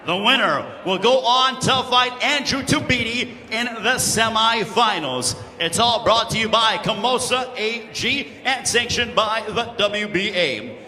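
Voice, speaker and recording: A man working as a boxing ring announcer, booming dramatically and stretching out shouted names in a theatrical style. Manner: booming, drawn-out, dramatic delivery. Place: large indoor boxing arena. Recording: reverberant arena PA, slight noise.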